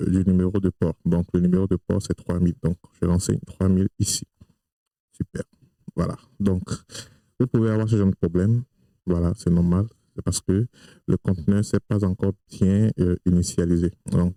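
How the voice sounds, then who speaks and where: A man presenting a screen-recorded software tutorial, talking hesitantly with many fillers and restarts, not a native French speaker. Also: deep voice, no echo, rough recording.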